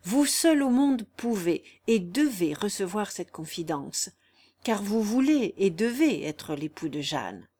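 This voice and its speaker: A woman's voice: mid-range voice, sing-song, measured pace, warm tone. A woman reading the lines of an agitated young man in a storybook reading, passionate and tormented. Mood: anguished. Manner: feverish, intense.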